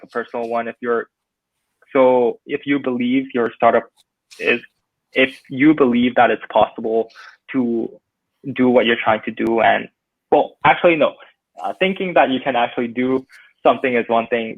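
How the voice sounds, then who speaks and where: A man's voice: medium pitch, dry recording. A young man from Hong Kong, a startup founder on a panel, answering reflectively with many fillers and restarts. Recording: dry tinny phone-like line.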